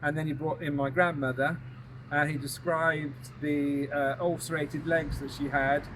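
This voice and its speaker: A man's voice: fairly high pitch, level tone, measured pace. A man guiding a ghost walk, telling anecdotes casually and hesitantly to a small group outdoors. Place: outdoors on a walking tour near a road. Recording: noisy outdoor recording with passing vehicles.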